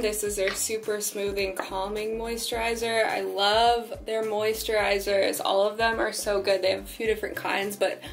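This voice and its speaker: A young woman in her twenties with a slightly raspy voice, chatting casually to camera in her apartment kitchen, full of "like" and "um". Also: mid-range voice, low-quality recording. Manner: chatty, relaxed, lots of "like" and "um". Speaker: vlogger. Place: small apartment kitchen, indoors.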